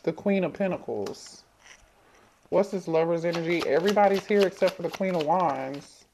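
A woman's voice: fairly low pitch, animated, normal speed, noisy background. A woman doing a casual tarot reading for viewers, thinking aloud, asking the cards questions and repeating herself as she goes. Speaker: tarot reader.

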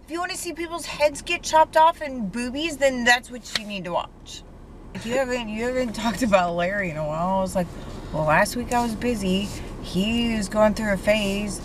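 A young woman chatting casually in a parked car, animated and swearing freely, picked up by a dashboard camera. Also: on the high side, normal speed. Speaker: friend. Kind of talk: casual chat. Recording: noisy car interior.

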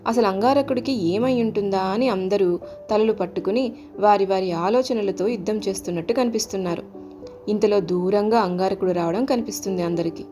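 Mellow-voiced woman storyteller. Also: mid-range voice. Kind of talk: scripted storybook narration. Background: faint music.

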